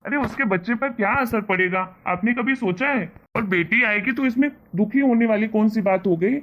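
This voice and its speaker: A man voicing a kind, earnest young husband and son in an animated family story. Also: high voice, normal speed, muffled recording, lightly acted. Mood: pleading. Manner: earnest, persuasive.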